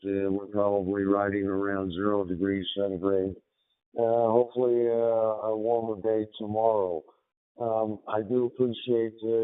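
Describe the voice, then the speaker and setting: A man's voice: fairly low pitch, clear, resonant tone. Courteous man on a tinny radio link. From Pennsylvania, United States. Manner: measured and courteous, calling the other man sir. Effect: heard over a shortwave radio link. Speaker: amateur radio operator. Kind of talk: ham radio contact, formal radio protocol.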